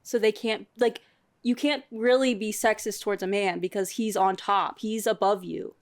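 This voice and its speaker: A woman's voice: medium pitch, fairly even intonation, moderate pace. A woman co-hosting a casual podcast, blunt and argumentative with some swearing. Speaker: podcast co-host. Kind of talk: casual chat.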